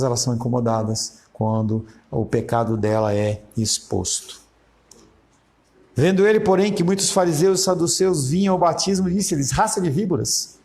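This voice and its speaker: A man's voice: fairly high pitch, a little mellow. A middle-aged man from Brazil, a pastor, preaching a sermon in a conversational way, acting out dialogue and often checking in with his listeners. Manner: conversational preaching, acts out quoted dialogue, frequent "entendeu?".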